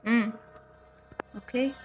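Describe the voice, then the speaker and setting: A woman with an Egyptian Arabic accent hosting a horror game let's-play, excitable and jumpy as she talks through her fright. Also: fairly high pitch, takes it slowly, lo-fi sound. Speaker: gaming channel host.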